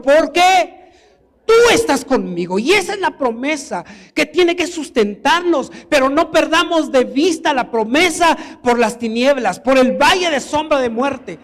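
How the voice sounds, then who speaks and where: A man's voice: very high voice, expressive, moderate pace, a bit bright, long reverb tail. A man preaching a sermon in a church, emphatic and building to exclamations. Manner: emphatic, rises to exclamations and acted quotes.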